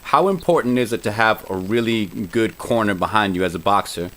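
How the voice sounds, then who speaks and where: A man's voice: on the low side, fairly quick, fairly bright tone. A man interviewing a guest in casual chat, reflective and earnest, with a lot of "like" in his phrasing.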